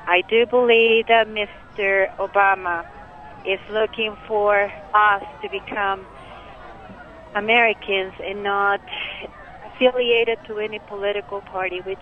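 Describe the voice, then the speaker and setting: A woman's voice: mid-range voice, fairly even intonation, measured pace. Earnest woman on a phone line. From Mexico. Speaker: radio call-in listener. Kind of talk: earnest personal testimony. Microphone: telephone. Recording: narrow, tinny phone line.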